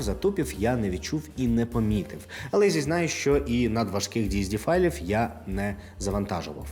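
A Ukrainian man with a mid-range, somewhat dark voice hosts a casual, scripted product review. As a tech reviewer and video host, he talks to the viewer in a friendly, conversational way.

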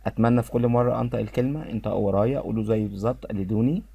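A man with an Egyptian Arabic accent teaching English pronunciation, repeating each word slowly and clearly for his students. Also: medium pitch, steady tone, warm tone, no echo. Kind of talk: pronunciation lesson.

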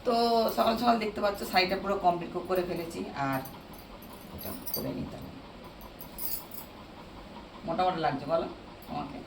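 Female home vlogger, hoarse and gravelly, chatty delivery, recorded off-mic in an echoey, noisy room. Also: lowish voice, lively intonation, very fast. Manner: chatty, addresses viewers directly. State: hoarse, strained voice from a sore throat. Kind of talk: casual chat to viewers. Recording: roomy echo, distant mic, noisy background.

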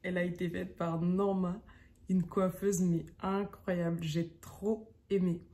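A woman's voice: lowish voice, level tone, unhurried. A young woman from French Guiana, an actress, chatting enthusiastically to camera in a casual vlog from an indoor apartment room. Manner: bubbly, enthusiastic, warm fillers. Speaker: actress vlogger.

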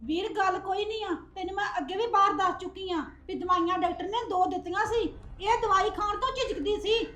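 A woman's voice: very high voice, a little fast, hardly any pauses, bright, forceful tone, roomy sound. A woman acting a defensive sister-in-law in a village drama.

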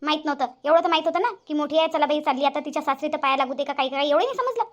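A woman's voice: sits high, rapid-fire, lo-fi sound, natural voice. A woman voicing a bossy, sarcastic older mother-in-law in a cartoon, with a nagging, scolding way of talking. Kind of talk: cartoon voice acting.

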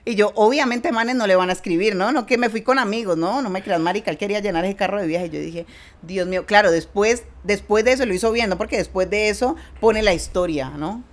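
A woman's voice: mid-range voice, fast talker, hardly any pauses. A woman from Colombia with a Cali accent, a podcast guest chatting candidly and animatedly, swearing freely and laughing often. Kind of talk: candid casual interview chat.

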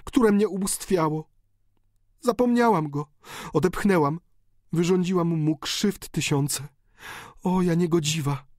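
A male audiobook reader voicing a remorseful, despairing countess in a high, pleading voice. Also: a little slow, pauses often, darkish tone, dry recording, clean studio sound, natural voice. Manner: pleading, anguished, high-pitched. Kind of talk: audiobook character reading.

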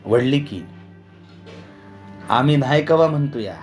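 A defiant village laborer , played by a man reading the story, answers in steady, rustic speech. He stays calm while others shout. Quiet music plays in the background. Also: mid-range voice, a little slow, natural voice.

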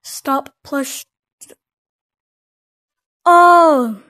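A woman's voice: high voice, extremely slow, bright, forceful tone. A woman streaming a horror game with nervous, scared, casual slangy commentary. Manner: nervous, scared reactions with gasps and slangy exclamations. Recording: clearly noisy, game sounds behind.

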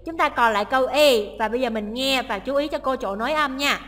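A woman's voice: high-pitched, brisk, a bit bright, big-room sound. A woman teacher working through a listening test, reading each English line and then explaining it. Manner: explains each option, translating English lines aloud.

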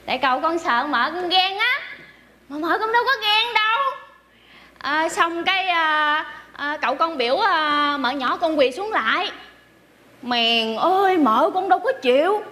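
A woman's voice: extremely high pitch, lively intonation, unhurried, pushed and bright, exaggerated voice. A woman playing a young, chatty servant who is testifying loyally for her mistress, rambling and hesitating with many fillers. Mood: earnest, gossipy. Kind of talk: stage comedy skit.

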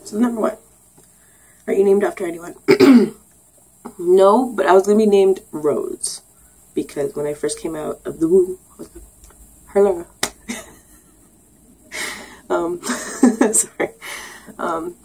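Young woman vlogger, low mellow husky voice, giggly and rambling, sarcastic. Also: takes it slowly, pauses often, slight background noise, poor audio. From Canada. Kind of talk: casual get-to-know-me vlog.

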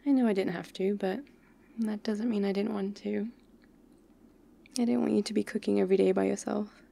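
A woman playing an affectionate, pouty young girlfriend in an intimate, soft ASMR role-play for ASMR. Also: mid-range voice, steady tone, gravelly. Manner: intimate soft voice dropping into speaks softly, slow and tender.

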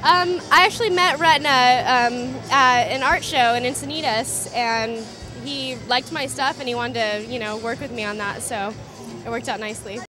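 A young designer from Southern California is interviewed casually at a busy indoor trade show booth, with loud music behind her. Her voice is on the high side at normal speed, and she's relaxed, full of fillers and slightly trailing off. A handheld interview mic captures her.

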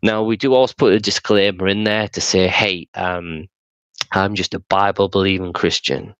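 Middle-aged male, low register, conversational storyteller who rambles with emphasis; close dry sound, dulled by the call. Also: a bit bright, dry recording, dull audio. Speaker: street evangelist being interviewed. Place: small room at home, video call. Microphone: headset microphone.

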